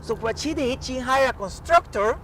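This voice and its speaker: This professor and climate change expert from Colombia, a native Spanish speaker with a Colombian accent, is an interview guest explaining things earnestly and with animation. His voice is very high-pitched and fairly bright, with lively intonation at a normal speed. He is recorded outdoors through a distant microphone, and traffic can be heard clearly.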